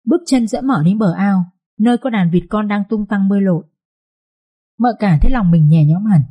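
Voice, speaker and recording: A woman narrating a family drama story in a lively, colloquial storytelling manner. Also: mid-range voice, moderate pace, breathy edge, lo-fi sound.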